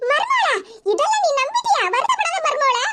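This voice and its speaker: A woman voicing a bossy, sharp-tongued mother-in-law over sixty in a cartoon, in a high, squeaky voice. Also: very animated, brisk, very noisy. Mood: coaxing. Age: 60s. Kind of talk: cartoon voice acting.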